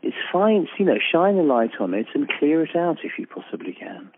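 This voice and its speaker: A man's voice: a little high, big pitch swings, a little fast. A man, a singer, chatting casually on a call, rambling with many restarts. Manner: rambling, restarts, breaks into soft song. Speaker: singer, guest. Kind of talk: casual chat. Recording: tinny phone-line sound.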